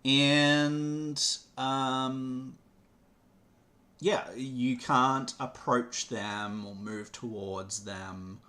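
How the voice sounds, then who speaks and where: Slow, hesitant male game master. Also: medium pitch, steady tone, pushed and bright. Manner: hesitant, with frequent ums and pauses. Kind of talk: narrating a tabletop game.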